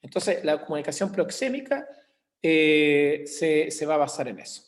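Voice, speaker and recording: A man's voice: a little high, expressive, moderate pace. A man with a Chilean accent teaching an online class, explaining with everyday examples and checking in with his students. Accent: Chilean Spanish. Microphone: computer mic on a video call.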